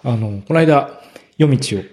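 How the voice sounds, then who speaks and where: A man in his thirties chatting casually as a podcast co-host, telling stories in a relaxed way and growing animated when amused. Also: mid-range voice, unhurried, breathy edge. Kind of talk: casual chat.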